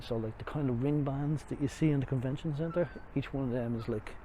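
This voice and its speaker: A man's voice: medium pitch, a little fast, mellow. Irish man talking through a face mask outdoors. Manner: rambling, self-deprecating. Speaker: walking tour vlogger. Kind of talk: casual walking tour commentary. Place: outdoors on city streets by a river. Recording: noisy outdoor street, traffic ambience. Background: street and vehicle noise.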